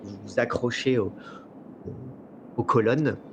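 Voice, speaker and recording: Slow-paced male game master narrating. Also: mid-range voice, background noise. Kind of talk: storytelling narration of a tabletop game. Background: soft music bed.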